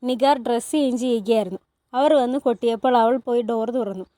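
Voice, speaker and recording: A woman tells a TV drama as a long story and voices every character herself, her voice rising when someone cries out or pleads. Her voice sits a little high but has a soft, mellow tone. It is recorded close and dry, with no room sound. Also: fairly quick, no echo. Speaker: storyteller retelling a TV series. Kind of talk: storytelling narration with voiced dialogue.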